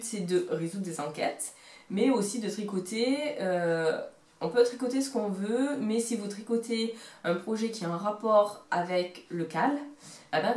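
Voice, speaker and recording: A woman's voice: medium pitch, darkish tone. Chatty woman with a Marseille accent. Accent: Marseille French. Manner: rambling, self-mocking, hesitant. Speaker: knitting vlogger. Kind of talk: casual show-and-tell chat. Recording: roomy echo.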